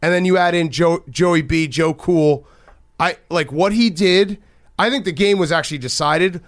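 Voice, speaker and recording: A man in his thirties co-hosting a casual sports podcast, rambling and self-deprecating. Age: 30s. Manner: rambling, self-deprecating, quick jumps in pitch. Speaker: podcast co-host.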